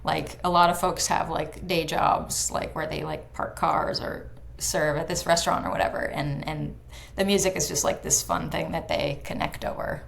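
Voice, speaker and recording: A woman's voice: low-pitched, animated, normal speed, gravelly, hardly any pauses, slight background noise. A young woman, a fiddler, chatting casually in an interview with lots of "like" fillers. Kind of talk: casual conversation.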